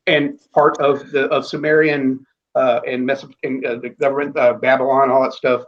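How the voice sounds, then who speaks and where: A man's voice: mid-range voice, level tone, normal speed. A man talking in a casual conversation, rambling with many restarts and fillers and blunt, casual swearing. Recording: dull lo-fi audio.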